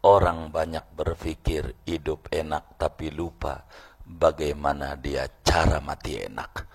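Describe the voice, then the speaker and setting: Deep, gravelly male preacher; folksy mosque sermon, acts out characters. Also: fairly even intonation, a little slow. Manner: folksy storytelling, acts out voices, teasing questions to audience. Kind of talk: mosque lecture after midday prayer.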